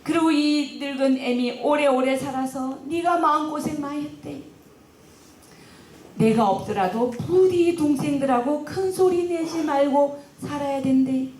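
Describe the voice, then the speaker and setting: Frail dying old mother, put on by a woman, slow and tender, recorded far from the mic. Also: high-pitched, a little mellow, pitched above the performer's own voice. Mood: tender, apologetic. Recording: roomy and distant.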